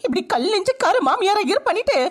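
A woman's voice: very high-pitched, very animated, fast. A woman voicing a wronged young daughter-in-law who pleads with and reproaches her mother-in-law in a cartoon comedy. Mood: reproachful.

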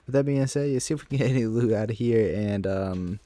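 A man's voice: on the low side, fairly quick, dark tone, no room sound. A man giving casual, rambling gameplay commentary as a gaming video creator, with lots of fillers and restarts. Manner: laid-back, rambling with many fillers. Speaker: gaming YouTuber.

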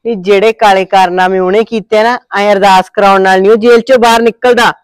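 A woman's voice: medium pitch, steady tone, quick pace, smooth, no echo, close to an everyday voice. An actress with a Punjabi accent playing a sarcastic, scolding middle-aged mother-in-law in a village family drama.

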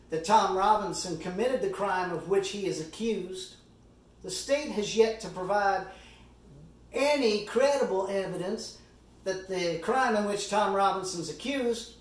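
An amateur actor delivers a theatrical courtroom summation monologue as an earnest, impassioned middle-aged defence lawyer. His high-pitched voice moves deliberately, with dramatic pauses and emphatic oratory. A distant microphone gives it a roomy echo.

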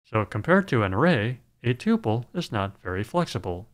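A man narrating a scripted programming screencast in a calm, measured way. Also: mid-range voice.

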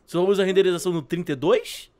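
A man hosting a Minecraft let's play, joking with a friend and yelling in panic. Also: high-pitched, very fast. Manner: jokey, shouts in panic, teasing. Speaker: gaming channel host.

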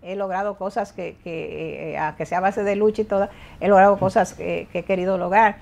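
An older woman from the Dominican Republic talks as a guest on a TV studio set. Her voice is close and clean through a lapel mic, with lively emphasis and restarts when she gets excited. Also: mid-range voice, a little fast, creaky. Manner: lively, emphatic, frequent hesitations and repeats. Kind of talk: casual interview talk.

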